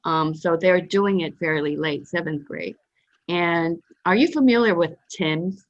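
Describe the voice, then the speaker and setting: A woman's voice: lowish voice, measured pace. A woman from Taiwan hosting a casual interview over a video call, talking in a rambling way with many fillers and restarts. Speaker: host. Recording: dull lo-fi call audio.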